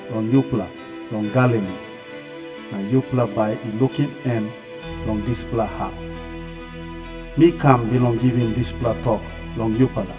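A reassuring angel acted by a man delivers a message in a mid-pitched voice with a Papua New Guinean accent. It is scripture drama in Papua New Guinea pidgin, with clear music underneath. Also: lightly acted. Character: male angel, reassuring heavenly messenger. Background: music behind the voice.

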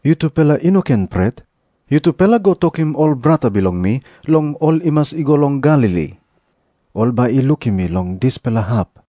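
An actor playing a calm, commanding male holy teacher in a scripture drama, in Papua New Guinea pidgin with a Papua New Guinean accent. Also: mid-range voice, moderate pace, no room sound. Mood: solemn, commanding. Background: music behind the voice.

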